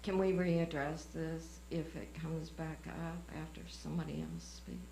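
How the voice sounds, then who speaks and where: A woman with a Southern US accent and a slow drawl, speaking as a resident at a public meeting. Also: low voice, level tone, creaky, mellow. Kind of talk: public comment at a civic meeting. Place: indoor public meeting room. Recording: echoey meeting room with faint mains hum.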